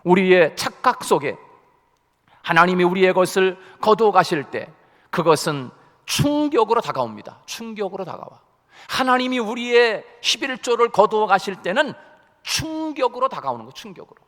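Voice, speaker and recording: A man's voice: high-pitched, fairly bright tone. A male pastor delivering a Sunday sermon in a church, stressing his points by repeating key phrases. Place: church sanctuary. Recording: long church reverb.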